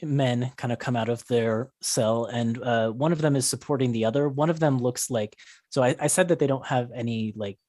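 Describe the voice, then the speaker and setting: A man working as game master, narrating a tabletop role-playing game in a casual, halting way. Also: medium pitch, darkish tone, no room sound, clean studio sound.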